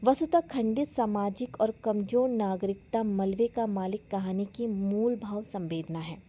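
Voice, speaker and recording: A woman teaching a Hindi literature lesson, retelling and explaining a short story in a slow, explanatory way with occasional fillers and restarts. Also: mid-range voice, warm tone.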